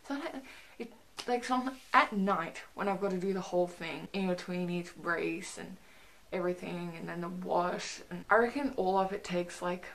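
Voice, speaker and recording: Young woman, vocal fry, stiff-jawed articulation, casual hesitant vlog chat, light room noise. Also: lowish voice, moderate pace, a bit bright, poor audio. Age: young adult. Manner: rambling, hesitant, frequent "like". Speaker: vlogger. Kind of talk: casual chatty recovery update to camera. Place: small bedroom, indoors.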